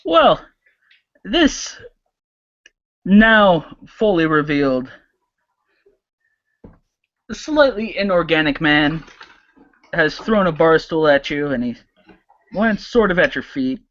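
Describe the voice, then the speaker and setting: A game master narrating a casual tabletop game, lively and halting, with many restarts. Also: medium pitch, highs cut off.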